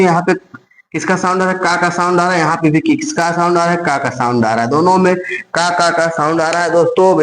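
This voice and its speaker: A man's voice: a little high, echoey room, poor audio. A man teaching an exam-prep lesson with memory tricks, repeating each phrase several times and answering his own questions. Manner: repetitive, drills phrases over and over, asks and answers himself.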